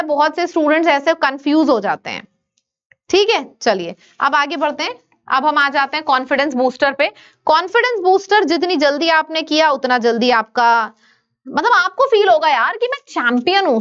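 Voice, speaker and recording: A woman with an Indian accent teaching an online exam-prep vocabulary lesson, brisk and coaxing, switching between Hindi and English. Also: sits high, fairly bright tone, highs cut off.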